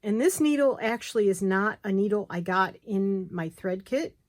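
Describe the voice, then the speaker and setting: Recorded on a nearby phone camera, a woman shows how to bind a book, chatting casually, muttering to herself as she goes and apologizing in asides. She speaks at a normal speed with a medium pitch and lively intonation.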